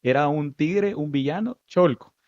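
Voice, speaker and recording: A Guatemalan man in his thirties, a stage actor, telling lively stories from his life in an interview, with a Guatemalan Spanish accent. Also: on the high side, unhurried, dry recording, highs cut off. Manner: animated, lively storytelling with many asides. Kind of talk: storytelling interview answers.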